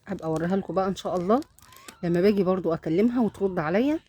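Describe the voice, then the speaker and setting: Speaking fast in a lowish voice, a woman with an Egyptian Arabic accent films her cat on her phone in her bedroom at home. She talks softly and fondly to the cat and kittens while addressing viewers in a casual vlog, with slight background noise.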